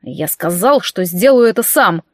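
A woman's voice: on the low side, expressive, a little slow, no echo, clean studio sound, pitched below the performer's own voice. A woman voicing a stubborn, protective male minister of magic who gives curt, insistent commands, in a storybook reading.

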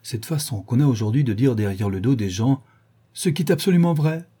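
A man voicing a witty, cynical aristocratic gentleman who trades languid paradoxical quips. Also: mid-range voice, expressive, fairly quick, husky, voice pushed up. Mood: wry.

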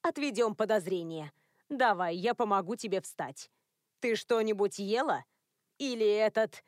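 A woman voicing a prim, controlling elderly woman who is a werewolf grandmother, lecturing in a cold, even tone. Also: medium pitch, measured pace, no echo, clean studio sound, natural voice. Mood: stern.

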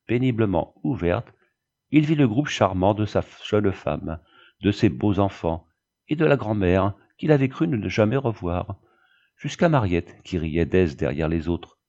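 Low-voiced man reading a story. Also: animated, measured pace, darkish tone, highs cut off. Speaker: audiobook narrator. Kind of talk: scripted narration.

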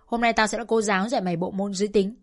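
A woman's voice: mid-range voice, fairly even intonation, racing, soft background music, natural voice. Woman doing a brash, bossy young friend. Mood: amused. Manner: brash, scolding.

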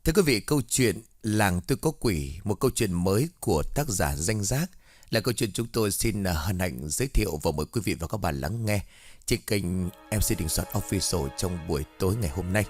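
A man's voice: deep voice, lively intonation, brisk, dry recording, soft background music. A man narrating a ghost story as the channel host, with a formal, courteous introduction. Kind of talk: dramatic ghost-story reading.

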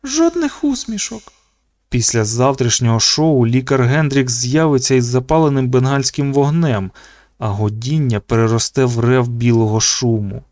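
A man reading an audiobook in a steady, measured narration. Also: medium pitch, dry recording, clean studio sound.

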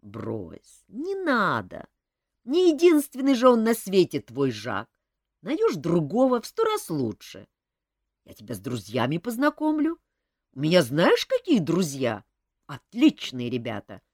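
A woman voicing Elmar, a big, strong, kindly young man with a blunt, gruff, comforting way of talking. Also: fairly low pitch, huge pitch swings, unhurried, a little mellow, no room sound, clean studio sound, heavily acted. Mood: consoling.

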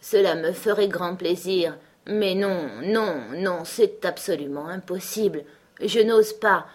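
A woman's voice: on the low side, takes it slowly. A woman reading the part of a despondent male doctor in an audiobook, speaking mournfully with sighs. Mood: regretful. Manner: mournful, sighing. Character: man, a gloomy, despondent doctor.

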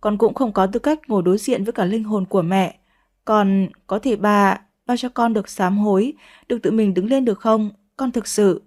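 A woman's voice: mid-range voice, moderate pace, a little mellow, lightly acted. A woman voicing a remorseful young woman who begs forgiveness in a pleading, ashamed way.

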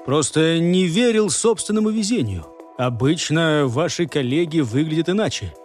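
A man voicing a gruff, commanding, burly male coordinator of a space base. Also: a little high, lively intonation, normal speed, faint music behind, close to an everyday voice. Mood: relieved.

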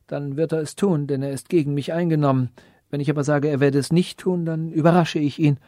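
A man's voice: on the high side, moderate pace, no echo, studio quality, lightly acted. A man voicing a nervous, clever old male sage telling a strange tale to a king, in an audiobook reading. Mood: anxious.

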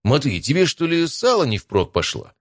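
A man's voice: on the high side, sing-song, normal speed, no echo, clean studio sound, pitched above the performer's own voice. A man voicing a teasing, joking young male adventurer in an audiobook. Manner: teasing, wisecracking. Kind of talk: audiobook character voice.

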